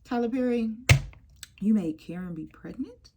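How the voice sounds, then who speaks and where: A woman casually reviewing a TV show, lively and expressive, dropping into stage whispers for asides. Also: fairly high pitch, normal speed, very noisy. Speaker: YouTube TV reviewer.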